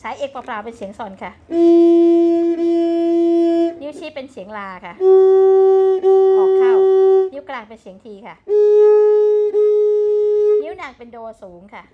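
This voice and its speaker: A woman's voice: on the high side, animated, fairly quick, pauses often, lo-fi sound, loud music behind the voice. A woman teaching a traditional Thai fiddle, patient and polite, calling out note names as she plays. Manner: patient, polite, ends phrases with ค่ะ and นะคะ; calls out note names while bowing. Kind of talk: step-by-step instrument lesson. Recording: instrument playing behind the voice.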